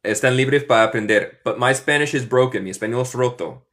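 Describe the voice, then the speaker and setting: A man who grew up in Michigan speaking English teaches a laid-back livestream lesson, his accent clearly American. He talks at a medium pitch with a fairly bright tone, and his Spanish is halting, broken up by fillers and English.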